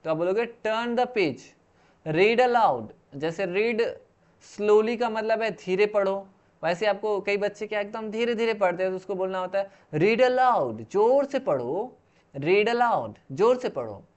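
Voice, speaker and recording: Male English tutor, higher voice, slow and deliberate, repeats each phrase then explains it. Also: expressive, lo-fi sound. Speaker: English teacher. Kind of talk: spoken English lesson.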